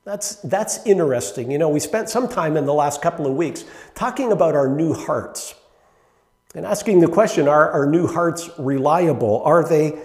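Pastor preaching in an echoey hall. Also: male voice, a little high, expressive, moderate pace. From Canada. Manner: conversational preaching with fillers and rhetorical questions. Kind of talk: sermon. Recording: echoey hall with long reverb.

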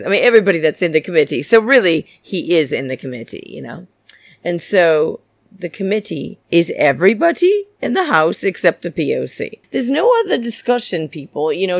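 Campy, theatrical woman podcaster with lower voice. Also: gravelly, no echo. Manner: opinionated, gossipy. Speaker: podcast host. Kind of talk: solo reality TV recap podcast.

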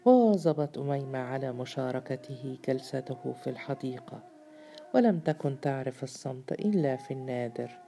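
Deep, gravelly woman narrator. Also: lively intonation, warm tone, a little hiss or hum. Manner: measured, literary reading. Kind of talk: scripted narration of a novel.

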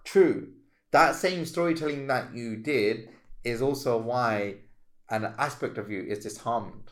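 A man co-hosting a casual spiritual podcast, animated and exclamatory as he acts out his reactions. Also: medium pitch, unhurried. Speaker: podcast co-host.

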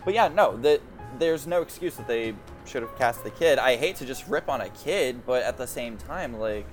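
A man's voice: medium pitch, expressive, moderate pace, soft background music. A man in a casual movie review chat, hesitant and filling his sentences with "uh" and "um". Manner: hesitant, many fillers.

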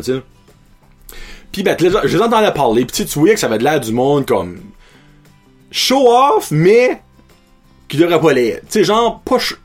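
Crude, animated Québécois man. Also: a little high. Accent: Québécois French. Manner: crude, profane and animated, with frequent laughs. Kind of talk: casual rambling storytelling monologue.

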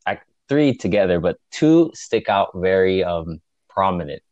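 A man casually recounting a story as a guest, with halting restarts and frequent chuckles. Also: low-pitched, very animated, a little mellow, dry recording. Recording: dull lo-fi dry recording.

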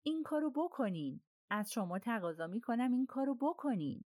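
A woman's voice: big pitch swings, a little mellow, dry recording, studio quality. A woman voicing a frightened male train conductor who protests his innocence in a raised, insistent voice. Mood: pleading. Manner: protesting, high-strung and insistent.

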